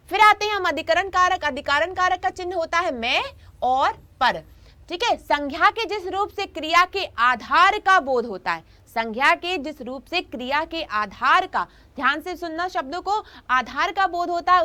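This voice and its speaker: A woman's voice: high-pitched, pushed and bright. A woman teaching a grammar lesson in an online class, repeating her points and often checking in with her students.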